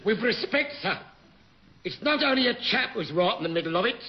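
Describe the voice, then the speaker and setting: An actor playing a put-upon, mock-respectful navy chief who makes dry wisecracks in a radio sitcom. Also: male voice, high voice, lively intonation, a little fast. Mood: sardonic. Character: sardonic male naval chief petty officer, mock-deferential. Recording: very noisy dull old radio recording.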